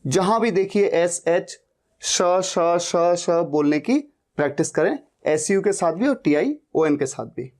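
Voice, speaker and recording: A man teaching English phonics, who demonstrates each sound slowly and repeats it many times. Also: sits high, animated, a little mellow. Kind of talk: teaching lesson.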